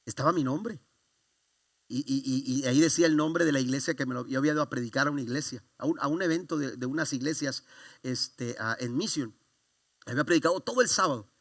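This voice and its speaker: A man's voice: mid-range voice, fast, a bit bright, dry recording, studio quality. A man, preaching a sermon in church and telling a personal story with many restarts and fervent exclamations. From Mexico. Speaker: pastor.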